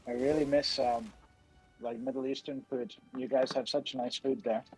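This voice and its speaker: At normal speed and in a mid-range voice, a livestream host with a slight American accent chats casually from home, spinning relaxed, rambling stories. The computer-microphone recording is low quality, with faint music behind him.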